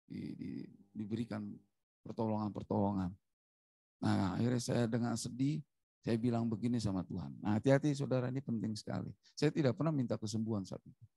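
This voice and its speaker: Gravelly-voiced man preaching a testimony. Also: mid-range voice, dry recording. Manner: animated, frequently addressing the congregation. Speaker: evangelist preacher. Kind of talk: sermon testimony.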